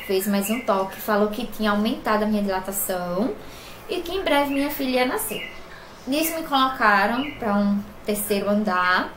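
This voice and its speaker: A woman's voice: on the high side, slight background noise. A young woman from Brazil, plainspoken and emotional as she tells a personal story in a vlog. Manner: earnest, plainspoken, emotional retelling. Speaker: crochet vlogger. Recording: echoey room with faint ambience.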